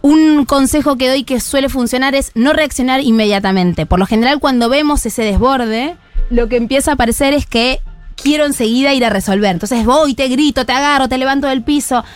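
A woman with an Argentine accent talks through parenting advice on a studio radio show. Her voice sits a touch high. She explains with energy and slips into quick acted phrases a parent might say. Faint music plays behind her. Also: dry recording. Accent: Argentine Spanish. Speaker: parenting columnist.

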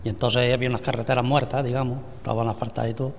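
Older man from Andalusia, folksy, halting storyteller, reverberant room. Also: medium pitch, level tone, a little hiss or hum. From Andalusia, Spain (La Rambla, Córdoba). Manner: hesitant, repeats words, homely storytelling. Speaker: vice president and founding member of a brotherhood. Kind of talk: radio interview answers.

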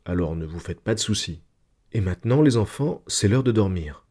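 A man's voice: fairly low pitch, lively intonation, a little fast, warm tone. A man reading a hearty, confident father. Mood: reassuring. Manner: hearty, emphatic reassuring delivery. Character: cheerful, confident father reassuring his family.

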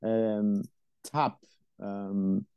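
Speaking very slowly in a lowish, flat, clean-toned voice, a middle-aged man who isn't a native English speaker takes interview questions about helping university students. He uses many fillers and often restarts. The audio is dry and lo-fi.

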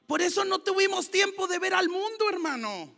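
Older woman preacher, emotional sermon delivery, raspy edge. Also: very high-pitched, lively intonation, normal speed. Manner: emotional, swings from soft murmurs to loud shouting.

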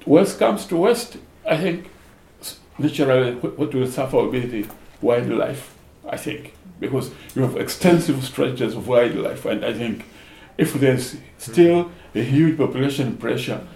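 A man giving an unscripted, thoughtful seminar answer in a hesitant, halting way, with a gravelly voice. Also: medium pitch, expressive, warm tone. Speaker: panel speaker. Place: seminar room. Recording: roomy echo, faint background noise.

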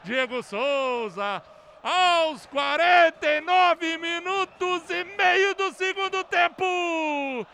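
A man giving explosive football goal commentary, excitedly shouting and stretching out key words. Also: extremely high pitch, drawn-out words, creaky, slight background noise.

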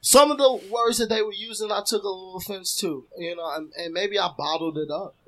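A man in casual podcast chat spins an animated story, jumping into the voices of the people in it. His voice sits a little high and comes across bright and forceful. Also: fairly quick. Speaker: podcast co-host.

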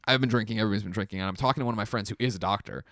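A young man from the Chicago area telling a long personal story in casual chat, rambling and animated, acting out quotes. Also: rapid-fire, no room sound, studio quality. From Chicago area, United States. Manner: rambling, animated, acts out quotes with big pitch jumps.

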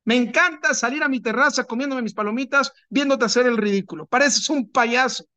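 A man's voice: very high voice, brisk, bright, forceful tone, no echo. A man voicing a gloating male evil inclination spirit who mocks and taunts in a parable. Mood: mocking. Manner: mocking, taunting.

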